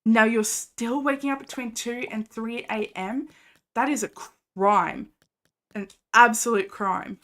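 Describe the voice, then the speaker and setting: A woman's voice: on the high side, a little slow, a bit bright. A young woman streaming a game and chatting casually with viewers, rambling with lots of fillers and laughs. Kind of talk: casual live-stream chat.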